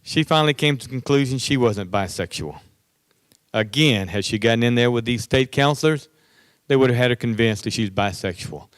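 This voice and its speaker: A man's voice: mid-range voice, a little fast, clean tone, no echo. A man speaking at a political conference, telling stories from his work and acting out other people's words as he quotes them. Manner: storytelling, acts out other voices in quotes. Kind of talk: political speech with anecdotes. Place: conference hall.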